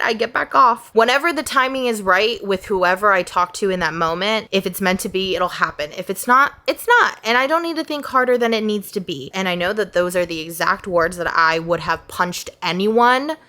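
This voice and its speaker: A woman's voice: mid-range voice, bright, forceful tone. A woman of thirty answering viewer questions in a casual vlog, talking candidly and filling her sentences with "like". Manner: candid, chatty, fills with "like".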